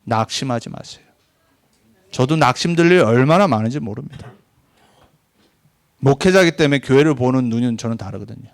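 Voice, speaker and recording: A man preaching a Sunday sermon as pastor, speaking earnestly and exhorting his congregation, his pitch jumping up on stressed points and closing in prayer. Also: animated, a little fast, pauses often.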